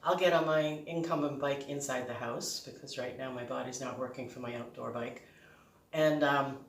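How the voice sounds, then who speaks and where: A woman from Boston, United States, with a Boston accent hosts a casual home cooking vlog, chatting informally and ramblingly. Her voice is a rumbling low with fairly even intonation and a moderate pace. The microphone is distant and the room is echoey.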